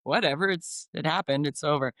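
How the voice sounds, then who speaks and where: A woman's voice: low-pitched, a little fast, no room sound, clean studio sound. A woman in her forties from Canada, a singer-songwriter talking in a casual interview, upbeat and enthusiastic with frequent ums and restarts. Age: 40s.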